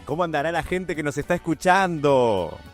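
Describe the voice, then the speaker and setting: Animated Patagonian radio host, swooping voice. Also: male voice, fairly high pitch, normal speed, soft background music. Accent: Patagonian Argentine Spanish. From Argentine Patagonia. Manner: conversational, musing, lively intonation. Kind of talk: casual radio chat. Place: radio studio.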